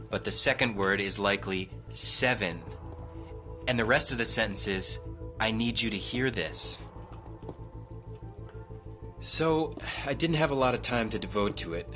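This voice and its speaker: An actor playing a police tech expert who explains technical details precisely. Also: male voice, on the low side, sharp tone. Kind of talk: audio drama acting.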